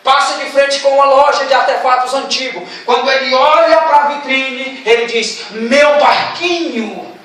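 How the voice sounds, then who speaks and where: A man with a Brazilian accent preaching a storytelling sermon, dramatic and rising to shouts. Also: very high voice, steady tone, moderate pace, few pauses. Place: large church hall. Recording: echoey church hall, distant mic.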